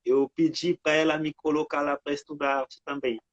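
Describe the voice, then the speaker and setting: Over a video call, a male artist from the Democratic Republic of the Congo answers interview questions as a guest, speaking haltingly and often dropping the fillers "né" and "sabe." His voice is fairly high and level, and the lo-fi call audio is dry with no room sound.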